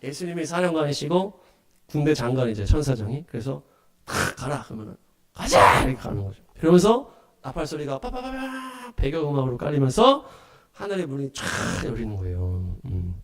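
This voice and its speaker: A man preaching as pastor of a small church, animated and laughing often as he acts out scenes. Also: mid-range voice, a little fast. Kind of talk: sermon.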